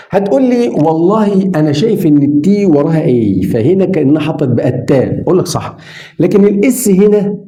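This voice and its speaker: A man's voice: a little high, mellow. Egyptian man teaching English phonics. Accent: Egyptian Arabic. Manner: repeats sounds slowly, addresses the viewer directly. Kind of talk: phonics lesson for beginners.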